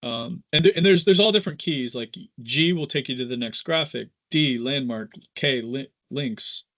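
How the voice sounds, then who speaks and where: A man instructor giving a casual live software tutorial, informal and halting as he thinks aloud. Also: mid-range voice, muffled recording.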